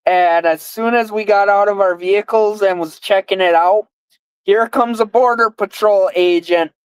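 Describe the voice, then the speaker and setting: A woman's voice: mid-range voice, moderate pace, smooth, no room sound, poor audio. A woman in her twenties hosting a casual live guessing game, with slurred, lisping speech from a mouth guard. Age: 20s. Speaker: live stream host.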